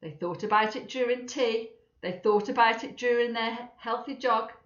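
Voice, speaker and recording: A woman with a voice on the high side reads a children's story at a moderate pace, animating it for her schoolchild audience and chatting to them between passages. The recording carries room echo and a slightly muffled quality.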